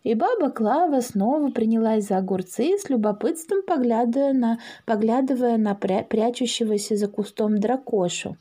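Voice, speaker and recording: A woman reading a children's story aloud in a gentle, even storytelling way. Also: on the high side, normal speed, few pauses.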